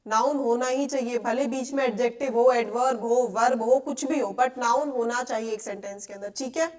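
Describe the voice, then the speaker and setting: A young woman with an Indian accent gives a classroom grammar lesson in a high, clear voice. She explains patiently and keeps asking the class whether it is clear. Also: moderate pace, darkish tone. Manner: explains patiently, asks checking questions often. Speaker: English teacher. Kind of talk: classroom lecture.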